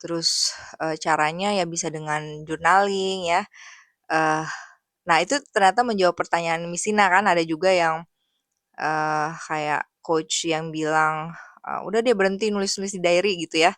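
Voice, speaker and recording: A young adult woman, an English teacher, sharing thoughts in a casual, reflective monologue, soft-spoken and hesitant with many fillers. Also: on the low side, fairly even intonation, moderate pace, no echo, clean studio sound.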